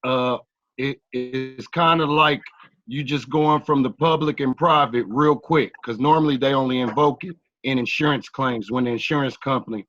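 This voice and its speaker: A man explaining things slowly on a group call, with halting restarts, and his line keeps cutting out. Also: mid-range voice, steady tone, fairly bright tone, no echo, muffled recording, soft background music. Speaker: caller.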